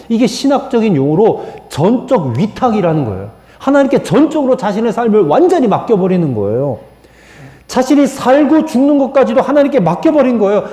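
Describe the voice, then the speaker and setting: A man preaching a sermon as pastor, moving between quiet explanation and emphatic, rising appeals to the congregation. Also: high voice. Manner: animated preaching, shifting from soft to emphatic. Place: church sanctuary. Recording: echoey church hall.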